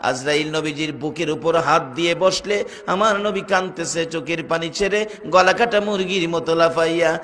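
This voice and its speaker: A man from Bangladesh, preaching a waz sermon in an emotional, sing-song chant that swells into loud cries. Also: fairly high pitch, steady tone, moderate pace. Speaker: Islamic preacher. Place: religious gathering.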